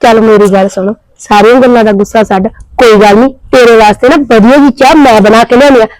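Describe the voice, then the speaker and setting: A woman's voice: fairly high pitch, steady tone, fast talker, a little mellow, no echo, close to an everyday voice, poor audio. Woman playing a whiny young daughter-in-law. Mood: pleading. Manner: whiny, pleading. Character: young daughter-in-law, sulky and self-pitying. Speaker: actor in a family skit. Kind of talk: scripted domestic skit acting.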